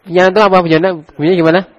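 A man's voice: sits high, lo-fi sound. A man with an Indonesian Javanese accent teaching an Arabic grammar class, quizzing his students and prompting them to read aloud. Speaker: Islamic teacher.

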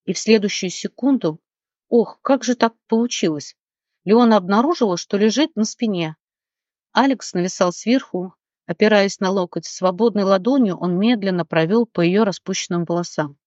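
Female audiobook narrator, measured fantasy reading; dull, dry recording. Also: medium pitch, a little mellow, no echo.

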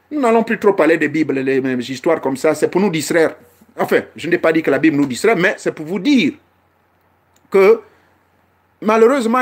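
A man's voice: sits high, slightly rough. Middle-aged male spiritual teacher, preaching style, emphatic, keeps prodding the audience with questions. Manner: emphatic, asks the audience frequent rhetorical questions.

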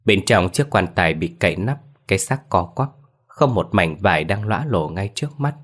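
A man's voice: low voice, lively intonation, moderate pace, fairly bright tone, breathy edge. A man narrating a Vietnamese horror story in a grim, dramatic scripted style.

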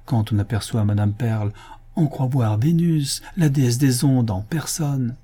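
A man voicing a pompous, quick-tempered official with a booming, scornful manner. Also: mellow, slightly rough. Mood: gushing.

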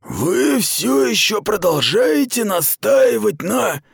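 A man's voice: sits high, sing-song, slow, creaky, slightly rough, no echo, pitched above the performer's own voice, heavily acted. A man reading the part of a stern, dry middle-aged commander who talks down to a young woman in a storybook reading. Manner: cold, clipped, patronizing.

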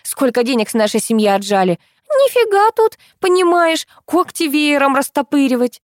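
A brash rich mother shrieks her demands in a high, piercing voice, as a woman reader puts her on. She is crude, bossy and indignant, and the reading sounds dry and close. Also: normal speed, darkish tone, dry recording, close to an everyday voice. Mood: ranting. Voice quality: shrill, shrieking. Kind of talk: audiobook reading.

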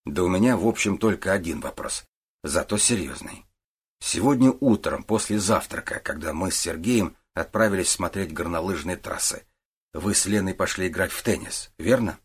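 A man voicing a calm, methodical middle-aged detective who questions patiently in an audiobook. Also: deep voice, moderate pace, breathy edge. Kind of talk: audiobook character voice.

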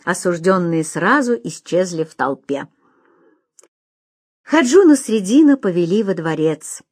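Slow measured woman narrator. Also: fairly low pitch, big pitch swings, a little mellow, breathy edge, no echo, clean studio sound. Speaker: audiobook narrator. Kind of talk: scripted narration.

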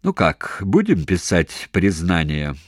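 Sadistic interrogator, yelling and sneering, voiced by a man reading an audiobook. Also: low-pitched, wildly swooping pitch, slow pace, no room sound, clean studio sound, heavily acted. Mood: cold sneer. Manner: cold hissing, then screaming. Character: cruel male military interrogator, bullying.

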